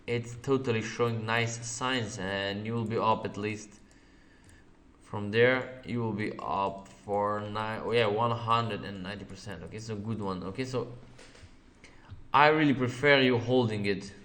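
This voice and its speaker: A man's voice: lowish voice, measured pace, fairly bright tone. Man hosting a trading webinar. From Slovenia. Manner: repeats "okay" often, plain non-native phrasing, laughs easily. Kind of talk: live webinar answering viewer questions over charts.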